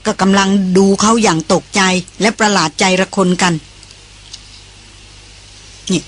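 A woman narrating a novel as an audiobook, in a measured, steady storytelling manner. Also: medium pitch. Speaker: audiobook reader.

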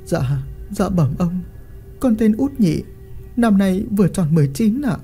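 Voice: medium pitch, animated, normal speed, mellow, soft background music, pitched above the performer's own voice, natural voice. A reader voicing a frightened, pregnant young peasant woman who stammers and pleads. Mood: pleading.

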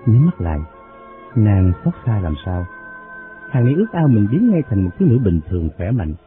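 Low-voiced man narrating a novel. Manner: steady, measured storytelling. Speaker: audiobook narrator. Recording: phone-like sound, faint music.

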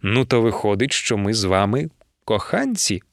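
A man's voice: fairly low pitch, very animated, moderate pace, vocal fry, dry recording, studio quality. A man doing a jovial, round adventurer. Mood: dreamy. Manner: dreamy, good-humored.

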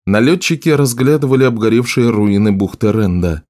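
A man's voice: fairly low pitch, a little fast. Man narrating a fantasy audiobook. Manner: steady, even reading. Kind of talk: scripted narration.

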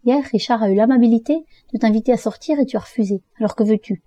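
A hurt younger sister reproaches her brother, as a woman reads her in an audiobook. Her voice is dark and mellow, recorded dry and near the mic. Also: on the high side, fast, dry recording, close to an everyday voice. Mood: reproachful. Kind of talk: audiobook dialogue reading.

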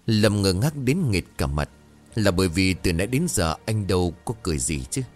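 A man's voice: sits low, very animated, moderate pace. A man narrating a ghost story and voicing its characters in the dialogue. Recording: faint music behind.

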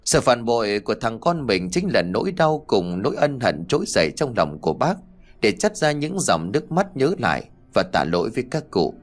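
A man narrating a story in a measured, expressive way. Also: medium pitch, faint music behind.

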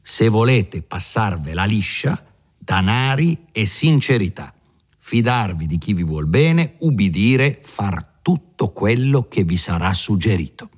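A man's voice: on the low side, expressive, slow. A man voicing a pompous older country lawyer in an audiobook reading, patronizing at first, then blustering and dismissive.

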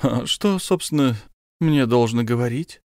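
A man's voice: medium pitch, unhurried, a little mellow, no room sound, studio quality, lightly acted. A man voicing a cautious, deferential army staff captain who speaks in hesitant, old-fashioned polite phrases.

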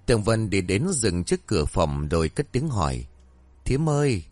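Expressive male ghost story narrator. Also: low-pitched, moderate pace, no room sound.

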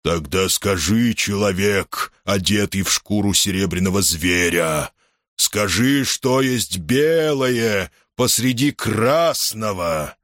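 Male reader as a dim, whiny pancake monster: low, very slow, howling drawn-out delivery. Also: expressive, a bit bright, dry recording, studio quality. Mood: solemn. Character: huge slow-witted flat pancake monster, plaintive.

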